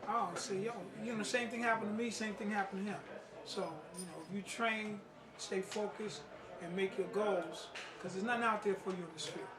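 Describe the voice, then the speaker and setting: The playwright, also a martial arts master, is a middle-aged man speaking at a moderate pace in a high-sitting, fairly even voice. He's informal, emphatic and street-wise in his plain talk, presenting and being interviewed at an indoor play reading, captured by a far-off mic amid crowd noise and a roomy sound.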